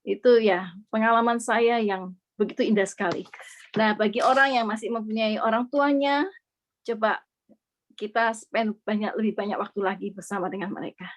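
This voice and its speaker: A woman's voice: medium pitch, fairly even intonation, moderate pace. A middle-aged woman from Indonesia earnestly sharing a personal faith testimony, slipping English words into her speech.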